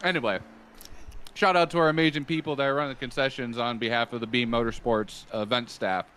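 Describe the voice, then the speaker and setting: A man's voice: mid-range voice, fairly even intonation, fairly quick, bright, forceful tone, a little hiss or hum. Folksy man commentating truck races. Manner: folksy, joking, easygoing. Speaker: race commentator. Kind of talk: play-by-play commentary. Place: commentary booth at a fairground track.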